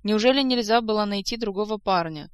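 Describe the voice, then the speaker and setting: A woman's voice: mid-range voice, fairly quick, smooth, no room sound, pitched above the performer's own voice, natural voice. A woman reading aloud, voicing a weary male commander who grumbles and complains. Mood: plaintive. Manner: grumbling, plaintive.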